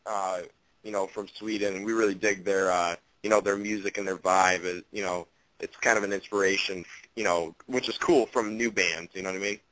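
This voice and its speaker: A man's voice: low voice, steady tone, normal speed, a bit bright, low-quality recording. A man speaking as a band member guest in a casual radio interview, laid-back and full of fillers.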